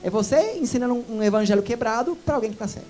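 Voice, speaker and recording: Fervent high-voiced Brazilian woman pastor. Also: lively intonation, fast talker, soft background music. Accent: Brazilian Portuguese. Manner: fervent, rising to loud shouted prayer. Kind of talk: sermon with shouted prayer. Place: church.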